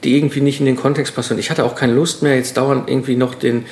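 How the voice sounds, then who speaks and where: A middle-aged man speaks as a podcast guest, mid-pitched and reflective. He talks things through at length, restarting his sentences and filling pauses. The room around him rings with noticeable echo. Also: level tone, a little mellow. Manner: reflective, explains at length with many fillers and restarts. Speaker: podcast guest, solo entrepreneur. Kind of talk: casual conversational interview.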